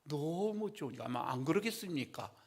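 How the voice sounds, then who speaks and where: A male preacher delivers a sermon in a church sanctuary. His voice sits a little high and has a heavy gravelly fry. He swings between loud, emphatic lines and hushed, whispered ones. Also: lively intonation, normal speed. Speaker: senior pastor.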